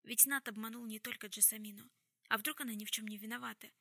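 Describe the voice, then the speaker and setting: A woman reading a novel aloud as an expressive audiobook narrator. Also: a little high, fast, vocal fry, no room sound, studio quality. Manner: expressive storytelling, acting out the voices. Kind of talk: scripted narration.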